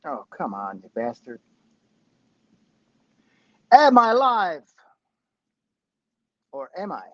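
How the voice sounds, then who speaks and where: A man's voice: fairly high pitch, huge pitch swings, extremely slow, no echo. A man in his fifties hosting his own live-stream show from his phone, sounding tinny like he is in a tin can, rambling, mocking himself and swearing casually. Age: 50s. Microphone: phone with Bluetooth headphones.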